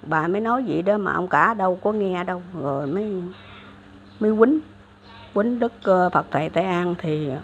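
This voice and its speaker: A woman's voice: fairly low pitch, a little hiss or hum. An older woman with a Southern Vietnamese accent, casually retelling a religious legend, rambling with many fillers and restarts. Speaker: elderly storyteller. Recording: dull lo-fi recording.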